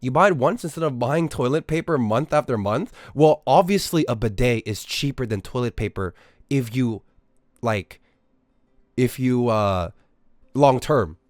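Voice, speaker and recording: A man's voice: mid-range voice, animated, a little slow, dry recording, clean studio sound. A young man, ranting in a casual, profane way at his live-stream chat. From Australia. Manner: incredulous, profane, exaggerated ranting.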